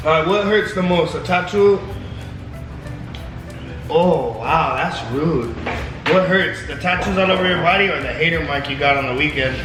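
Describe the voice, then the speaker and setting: A young man with a high voice trades crude, joking banter with his friends. He swears freely as he hosts a casual Q&A. The room is echoey and music plays underneath. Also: normal speed, pauses often. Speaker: vlog host taking part in a Q&A.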